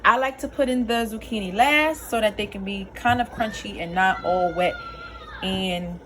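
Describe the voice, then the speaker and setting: A woman's voice: medium pitch, normal speed, a bit bright, slight background noise. A young adult woman chatting casually to viewers while cooking in her home kitchen, folksy and talkative. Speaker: cooking vlogger.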